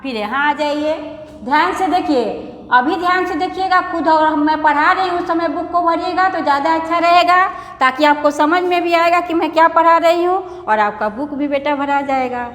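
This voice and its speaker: A high-voiced woman teaches small children, breaking words into letters and repeating them patiently. She speaks with gentle affection, calling her pupils "beta". The sound rings through an echoey room with a long reverb tail. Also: moderate pace. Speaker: primary school teacher. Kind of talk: recorded online lesson for young children.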